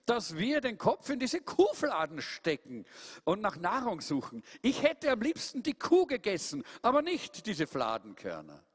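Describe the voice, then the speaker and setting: A restless young turkey, voiced by a man, pleads in a high, swooping voice that jumps all over the place. He keeps repeating himself in a storybook tale told in a reverberant space. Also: huge pitch swings, unhurried, husky, full character voice. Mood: pleading. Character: restless young male turkey dreaming of flight.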